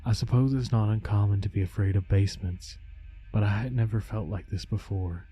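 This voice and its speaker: A man narrating a scripted first-person scary story in a low, haunting, measured voice. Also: fairly even intonation, dark tone, slightly rough. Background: background music.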